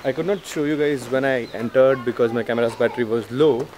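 A young Indian English-accented travel vlogger in his twenties chats with viewers at a beach campsite, filming himself selfie-style on a handheld camera mic. He calls them "guys" and uses lots of uh fillers, in a steady, mid-range voice at a quick pace.

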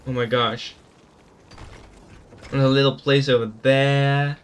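A man's voice: medium pitch, level tone, slow pace, smooth. A man giving casual gameplay commentary, thinking aloud in an easygoing way as he explores a game. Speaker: gaming YouTuber.

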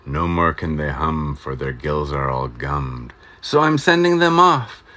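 A man's voice: a bass voice, big pitch swings, unhurried, pushed and bright, exaggerated voice. A man voicing a grumpy small male forest creature, scolding and indignant in a storybook reading.

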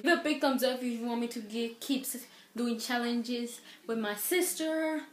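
A woman's voice: a little high, unhurried, a bit bright. A young woman hosting, chatting casually to camera. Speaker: vlog host. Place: small indoor room, camera at short distance. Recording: echoey room, noisy background.

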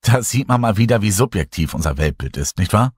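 Brief: a man reading an earnest woman scientist in an audiobook horror story, calm and explanatory, low husky tone. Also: a little fast, dry recording, clean studio sound. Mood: earnest, puzzled. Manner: thoughtful, explaining calmly.

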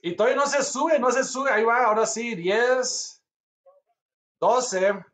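A man's voice: very high voice, a little slow, a bit bright. A man in his thirties hosting a live stream with casual commentary, urging in short repeated phrases, in slightly dull audio. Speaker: host of a live auction stream. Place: small office with a whiteboard.

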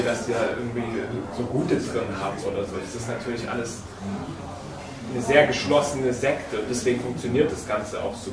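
Young man, argumentative, echoey studio set, distant mic. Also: medium pitch. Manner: argumentative, hesitant restarts. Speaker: conspiracy video maker, debater. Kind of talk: heated debate. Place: studio set with armchairs, indoors.

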